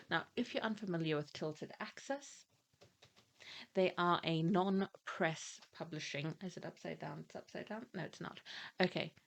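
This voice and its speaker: A middle-aged woman with a low-sitting voice, raised in Malawi, Nigeria and Germany, shares her reading plans on her book channel. She reads blurbs steadily and drops in chatty asides full of fillers.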